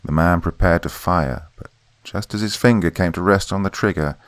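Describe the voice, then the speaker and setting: A man narrating a horror story in a steady, measured reading voice. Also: sits low, dry recording.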